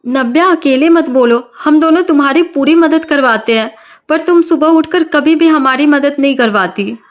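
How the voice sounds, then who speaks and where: A woman's voice: high-pitched, moderate pace, voice pushed up, natural voice. A woman voicing a dutiful young elder sister-in-law who speaks politely and pleads in a cartoon story. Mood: reproachful.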